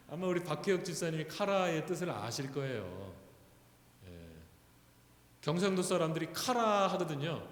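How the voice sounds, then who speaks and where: A man preaching a sermon as pastor, often asking the congregation questions and building to loud, fervent calls. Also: on the high side. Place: church sanctuary. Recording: echoey church hall.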